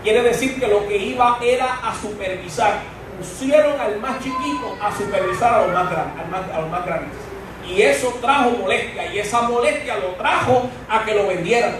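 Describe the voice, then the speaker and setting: A man's voice: high-pitched, normal speed. A man preaching a sermon in a church, speaking emphatically and addressing the congregation directly. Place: church sanctuary. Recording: echoey church from far off, faint hiss.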